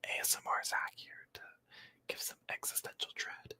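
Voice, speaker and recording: A man in his late twenties voicing a mock-gloomy young ASMR whisperer in whispered role-play, breathy and deadpan. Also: normal speed, dry recording. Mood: mock dread. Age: late 20s.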